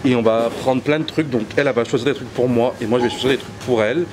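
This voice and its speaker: A man's voice: mid-range voice, racing. A man hosting a casual vlog, talking through a face mask in a supermarket, loose and full of fillers. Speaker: vlog host. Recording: busy crowd noise behind.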